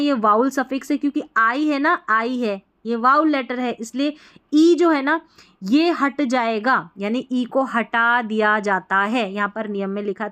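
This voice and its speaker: A woman's voice: fairly high pitch, a bit bright. A woman teaching English spelling rules, patiently repeating each point several times. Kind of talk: screen-based spelling lesson.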